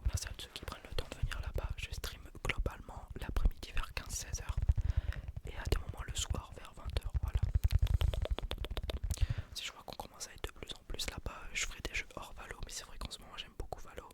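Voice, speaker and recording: A young man doing casual ASMR chat in a quiet, breathy night-time whisper, rambling informally and hesitantly. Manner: quiet, unhurried late-night murmur. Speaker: ASMR video creator and streamer.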